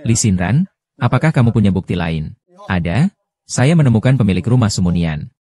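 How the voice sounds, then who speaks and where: A man with a low, dark and mellow voice reads out a drama recap. He gives every character's lines in the same even voice. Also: a little fast, slightly rough.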